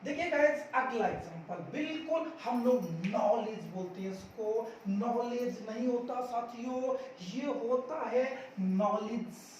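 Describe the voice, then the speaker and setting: A man's voice: extremely high pitch, animated, unhurried, hardly any pauses, darkish tone. A man teaching English pronunciation, repeating each word and quizzing the viewer before giving the answer. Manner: drills by asking and answering, repeats words emphatically. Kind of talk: spoken-English lesson. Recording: echoey room, mic at a distance, faint noise.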